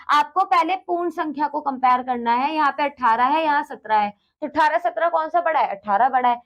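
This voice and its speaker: A woman's voice: high-pitched, highs cut off. A woman teaching math to children, explaining step by step with patience, asking the class questions and then answering them, and mixing English words into her speech. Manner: mixes English words into Hindi.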